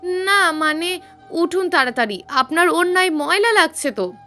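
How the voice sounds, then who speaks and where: Woman doing a shy polite college boy, soft and formal, lively pitch. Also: normal speed, soft background music, full character voice. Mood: flustered. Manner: meek, soft-spoken, formal. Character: shy polite young male college student.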